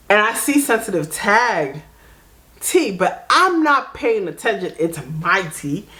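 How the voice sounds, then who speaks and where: A young woman casually telling a dating story to her vlog audience, chatty and animated, jumping into quoted voices. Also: slow, long pauses. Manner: animated, acts out quoted voices with big pitch jumps; chatty, full of fillers like "like" and "blah, blah". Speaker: storytime vlogger.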